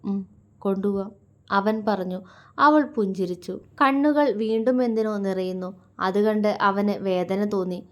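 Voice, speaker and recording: A woman storyteller reading a romance story aloud in an emotive, measured way. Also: medium pitch, darkish tone. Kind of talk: scripted narration of a romance story.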